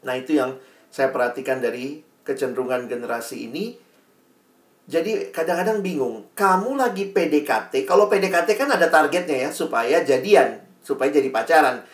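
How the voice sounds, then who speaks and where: A man delivering a sermon to a youth audience, his voice rising and falling with lots of expression. He talks in a chatty, animated way. The sound is roomy and picked up from some distance. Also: on the high side, moderate pace. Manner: lively, conversational, acts out teen questions. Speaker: youth speaker. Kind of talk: sermon to young people.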